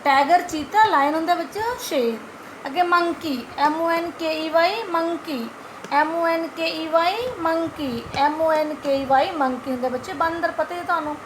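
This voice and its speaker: High-voiced woman teacher spelling slowly. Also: background noise. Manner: spells words letter by letter, slow and patient. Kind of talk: classroom vocabulary lesson.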